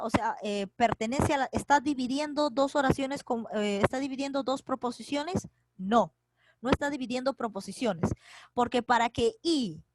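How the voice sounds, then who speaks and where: A woman leads an online class from home. Her voice sits a little high, and she explains patiently, step by step, often stopping to ask a question back. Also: a little hiss or hum, poor audio. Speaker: teacher. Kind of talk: online grammar lesson. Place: home, recorded for a virtual class.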